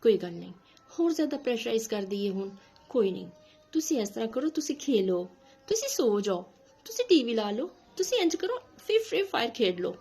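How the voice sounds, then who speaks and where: A woman's voice: fairly high pitch, very animated, moderate pace, mellow, husky, faint music behind, full character voice. A woman putting on the voice of an indulgent mother who coaxes and excuses her tired son, with a Punjabi accent and a mock-soothing manner. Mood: mocking, coaxing.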